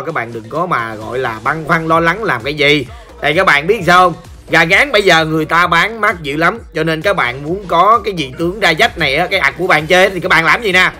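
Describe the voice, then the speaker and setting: Gaming host: hoarse Southern Vietnamese man, high and sharp-toned, playful chatty commentary. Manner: playful, joking, talks straight to viewers. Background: faint background music.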